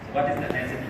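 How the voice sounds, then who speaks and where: A man from Bangladesh giving a live pitch presentation, earnest and halting with frequent fillers. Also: heavy background noise. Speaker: startup presenter. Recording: echoey hall from far off.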